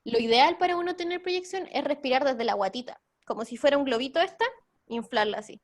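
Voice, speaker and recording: A young Chilean woman presenting a theater workshop, explaining voice technique in a lively way and laughing easily. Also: high voice, brisk. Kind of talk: online workshop talk.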